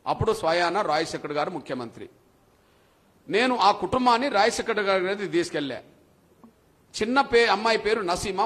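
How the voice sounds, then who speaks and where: A man's voice: sits high, fairly bright tone. A man with a Telangana Telugu accent giving a public speech at a meeting, telling a story with passion and repetition. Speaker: speaker at a community leaders' meeting.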